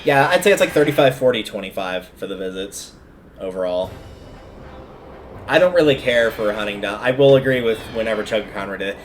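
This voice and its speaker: This man's lowish voice is animated and brisk, carrying a slight hiss or hum. He gives casual commentary while livestreaming a video game, rambling a little as he thinks aloud over video game music.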